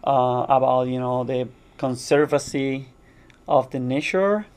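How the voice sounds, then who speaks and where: A man with a Cuban accent, a native Spanish speaker, explaining things in halting non-native English as a guest. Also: mid-range voice, a little mellow, smooth. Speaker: guest shark researcher.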